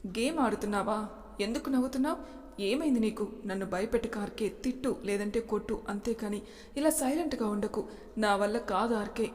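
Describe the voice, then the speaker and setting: A woman's voice: mid-range voice, fairly quick, darkish tone, close to an everyday voice. Tearful pleading young woman, read by the narrator, echoey. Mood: angry, tearful. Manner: pleading, crying. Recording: long reverb.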